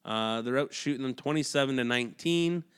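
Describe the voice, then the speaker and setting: A man's voice: mid-range voice, clean tone. Man, podcast co-host, casual sports chat, reads stat lists, frequent laughter, home recording. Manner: reads stats in a quick list, breaks into laughs. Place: home room.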